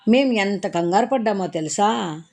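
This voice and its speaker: A woman's voice: medium pitch, lively intonation, moderate pace, darkish tone, pitched above the performer's own voice. A woman reading a story aloud, voicing a caring young woman who speaks eagerly and earnestly.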